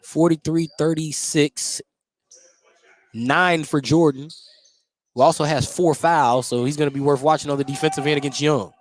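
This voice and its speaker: Calling a game live on radio from an indoor high school basketball gym, this American announcer has a voice on the high side with fairly even intonation and a moderate pace. Noise is clearly audible in the broadcast.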